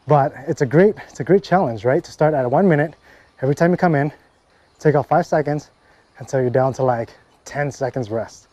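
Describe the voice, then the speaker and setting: A man giving casual workout instruction as a fitness coach, relaxed and full of fillers and "okay, right?" check-ins. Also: on the high side, no echo. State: briefly out of breath after a set.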